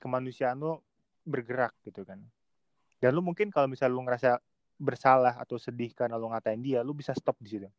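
A man's voice: medium pitch, quick pace, dry recording, lo-fi sound. A man talking casually and animatedly on a remote podcast from home, slangy and mocking online commenters. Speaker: podcast guest.

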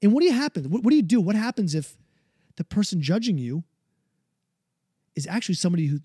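Fired-up high-voiced man preaching. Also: mellow, husky, no echo, studio quality. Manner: fired up, preachy, swears freely. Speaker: podcast host. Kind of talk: motivational podcast monologue.

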